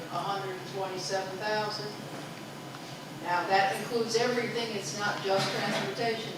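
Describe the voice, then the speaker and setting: A woman explaining details at a public meeting as a district staff member. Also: medium pitch. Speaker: school district staff presenter. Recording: very echoey, noisy room, distant mic.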